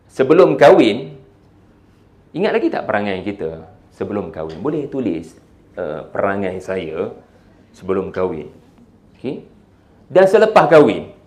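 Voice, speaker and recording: A man with a Malaysian Malay accent giving a religious lecture, moving between loud, emphatic points and quiet, soft talk, with English words mixed in. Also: mid-range voice. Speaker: Islamic preacher.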